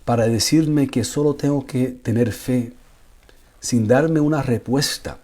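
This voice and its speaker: A man's voice: medium pitch, unhurried, darkish tone. A man, an imam, telling the story of his conversion. He often repeats words while he searches for the next one, and at times he builds up to intense pleading. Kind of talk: personal conversion testimony.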